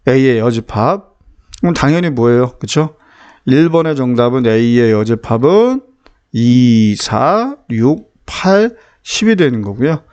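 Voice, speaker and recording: A man's voice: mid-range voice, sing-song, takes it slowly, darkish tone, lo-fi sound. A man teaching a math lesson, explaining step by step and often checking that his students follow. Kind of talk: classroom math lecture.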